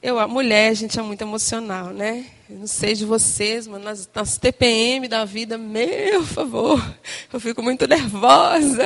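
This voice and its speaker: Woman, young adult, high voice, casual animated church talk to women. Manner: chatty and animated, tag questions and quoted asides. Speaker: church speaker addressing women. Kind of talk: informal sermon talk to a congregation.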